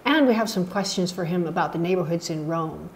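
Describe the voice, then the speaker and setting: A middle-aged woman hosting a travel channel interviews a guest over a video call from an indoor room, using her laptop camera. She sounds upbeat and enthusiastic, with a lowish voice and a fairly quick pace.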